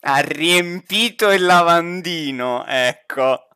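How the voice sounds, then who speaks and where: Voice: medium pitch, slow, sharp tone, clean tone, no room sound, clean studio sound. A streamer giving casual, jokey commentary while playing a horror game with a friend, laughing often. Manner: chatty, laughs often, jokey banter with a teammate.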